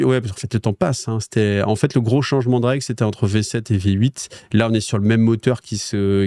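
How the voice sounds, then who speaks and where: A man's voice: lowish voice, mellow, dry recording, clean studio sound. A French man hosting a wargaming news show, chatting casually with viewers in a rambling way, with lots of fillers and restarts. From France.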